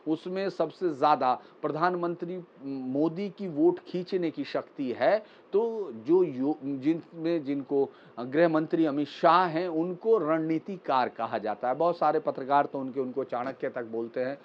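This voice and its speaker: A man delivering political news commentary in a measured, explanatory way, with frequent pauses and fillers. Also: fairly high pitch. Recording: slightly dull lo-fi recording.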